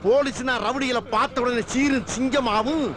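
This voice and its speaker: A man's voice: very high voice, steady tone, moderate pace, noisy background. A man playing a pompous, sentimental, bumbling head constable in a film comedy, with whining, theatrical delivery. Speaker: comic film actor.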